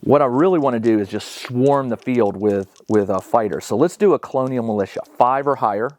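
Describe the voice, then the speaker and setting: A man's voice: mid-range voice, a little fast, a little mellow, no room sound. A man casually narrating a solo tabletop game, reading out rules and thinking aloud in a conversational way. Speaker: solo tabletop wargame player and host.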